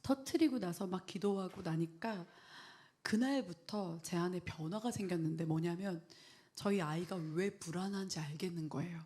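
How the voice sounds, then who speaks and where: A middle-aged woman pastor sharing a personal testimony in an earnest, storytelling way, dropping into soft whispers when she quotes her prayers. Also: fairly low pitch, normal speed. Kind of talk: testimony sermon.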